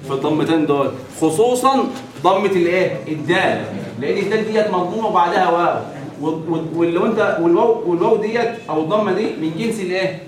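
A man with an Egyptian accent teaches recitation, pitched a little high, stretching out example words and firing questions back at his students. He is picked up from some distance in a reverberant room. A faint hiss runs underneath. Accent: Egyptian Arabic. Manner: quizzes the class with repeated questions and drawn-out recited examples. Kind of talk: classroom tajweed lesson.

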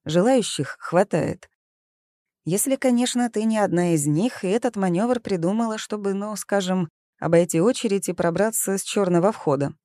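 A woman's voice: medium pitch, moderate pace, warm tone, no room sound, clean studio sound, lightly acted. A woman voicing an arrogant young man who is a mocking boss, talking in a smug, teasing way.

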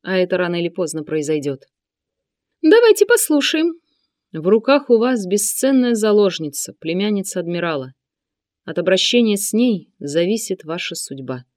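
A captive nobleman, cool and cutting, who refuses to bow to his captor, as a woman reader voices him. He speaks at a middling pitch. The reading is close and dry. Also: moderate pace, no room sound, natural voice. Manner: calm, cutting, defiant. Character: defiant captive male nobleman, bold and cool. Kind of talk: audiobook character reading.

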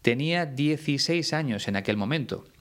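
A man from Spain teaching Spanish, explaining words slowly and carefully and spelling them out letter by letter. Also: mid-range voice, animated, a bit bright. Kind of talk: slow explanatory lesson.

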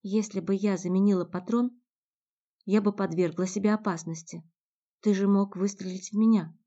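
Woman doing a young woman, fiery, commanding, raised voice, warm tone, dull lo-fi recording. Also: medium pitch, fairly even intonation, normal speed, natural voice. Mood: defensive. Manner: commanding, rising to shouts.

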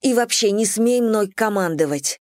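A woman voicing an impatient, stubborn young woman, lifting her voice higher and sounding agitated. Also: normal speed, darkish tone, no room sound, clean studio sound, natural voice. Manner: higher, agitated, insistent delivery.

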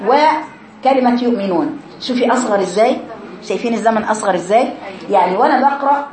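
A woman with an Egyptian accent teaching a tajweed lesson to her female students, explaining rules and reciting words slowly with long drawn vowels. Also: on the high side, darkish tone, reverberant, poor audio. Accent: Egyptian Arabic.

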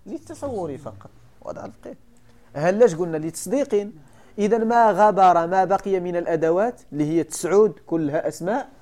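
Lively Moroccan sheikh teaching a class. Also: male voice, high-pitched. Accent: Moroccan Arabic. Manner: keeps quizzing students and repeating key points. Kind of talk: classroom lesson explaining a text.

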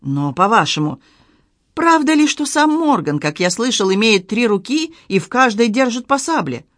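A frightened townsman trades rumors in an excited, agitated voice, as an audiobook reader puts him on. He speaks loudly and jumps high in pitch. The sound is dry and close. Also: moderate pace, no room sound. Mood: fearful gossip.

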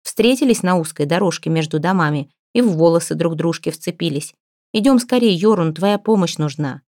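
A woman voicing a lively young wife of a chieftain who excitedly reports news. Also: on the low side, brisk, no room sound, studio quality, natural voice.

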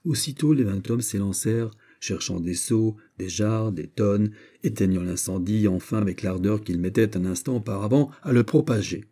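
A man narrates an audiobook from a script in a measured, even storytelling style. His pitch is fairly low.

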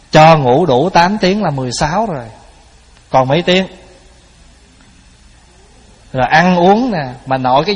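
A man's voice: fairly high pitch, slightly rough. A man giving a Buddhist dharma talk, telling stories in a folksy way and addressing his listeners directly. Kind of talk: sermon. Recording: hall with long reverb.

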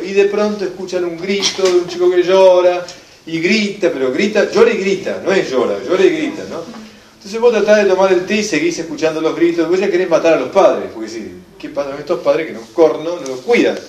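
A man with a Rioplatense accent lecturing a class, emphatic and lively, often checking that his audience understands. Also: fairly high pitch, slight background noise. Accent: Rioplatense Spanish. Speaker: enneagram teacher. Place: classroom or hall with a live audience. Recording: echoey room, mic from a distance.

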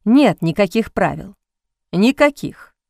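A woman's voice: very animated, takes it slowly, darkish tone, no room sound, studio quality, exaggerated voice. A woman voicing a cold mocking aristocrat. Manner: low, mocking, husky whisper. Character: cold cynical aristocratic man, scornful and brooding.

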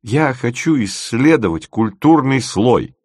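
A man's voice: medium pitch, lively intonation, slow pace, darkish tone, husky, no echo, studio quality, voice pushed up. A man voicing an earnest, eager young male student intern.

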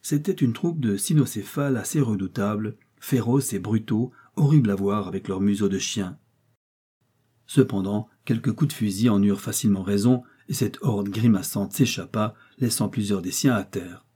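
A man reading a classic adventure novel aloud as audiobook narrator, in an even, steady storytelling way. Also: fairly low pitch, normal speed, slightly rough. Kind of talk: scripted narration.

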